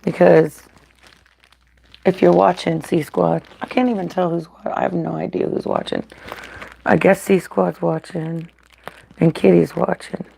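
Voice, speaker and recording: Live-stream host, woman, slow drawl with a very gravelly edge, chatty, slipping into whispers, recorded on a computer mic at home. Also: lowish voice, fairly even intonation, warm tone, a little hiss or hum. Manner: chatty, reads viewer comments aloud, often drops to a whisper. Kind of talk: casual live-stream chat while cooking and eating. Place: home, at a table with a griddle.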